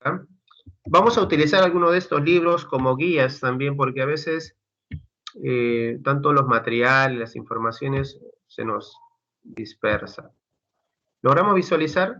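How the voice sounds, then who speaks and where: A male lecturer teaching a class over a video call, loose and conversational as he talks his students through the readings. His voice is bright and forceful, and the lo-fi call audio sounds dull and muffled. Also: medium pitch, measured pace. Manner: conversational, addresses students as chicos, many fillers. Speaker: university lecturer. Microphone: computer mic on a video call.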